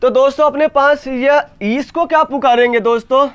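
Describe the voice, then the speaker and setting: A male teacher leading a grammar class. He repeats each point as a question to the students and slowly stretches the key words to stress them. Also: extremely high pitch, steady tone, a loud crowd, very noisy. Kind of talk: classroom lesson with call-and-response. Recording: slightly dull lo-fi sound.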